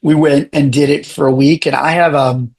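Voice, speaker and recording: A raspy-voiced man, pitched a bit higher than most men, chats casually as a podcast guest. He's animated, speaking in quick bursts and frequently restarting sentences.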